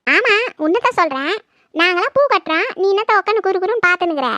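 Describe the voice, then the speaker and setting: A performer putting on a bossy older mother-in-law from a village, always nagging and scolding in a shrill, high, pinched voice. The sound is close and dry, like a comedy skit shot indoors. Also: animated, quick pace, bright, forceful tone, no room sound, heavily acted.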